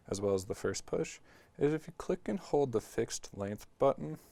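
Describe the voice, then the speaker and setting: There's a creaky quality to this medium-pitched man's voice as he casually covers a music production tutorial over his studio talkback mic. He explains in a relaxed way, full of "like" and "um."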